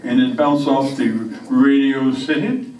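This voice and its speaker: A man playing a boastful backwoods moose caller with a French-Canadian accent and halting, simple broken English, telling comic tall tales. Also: mid-range voice, close to an everyday voice. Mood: boastful, storytelling. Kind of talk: comic character monologue on stage. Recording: echoey room, distant microphone.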